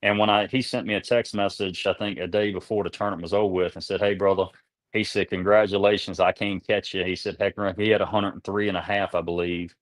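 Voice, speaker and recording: A man's voice: deep voice, little pitch movement, fast, no room sound. A man telling rambling fishing stories in a folksy way, repeating words as he goes, in a casual interview. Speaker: guest, tournament kayak angler.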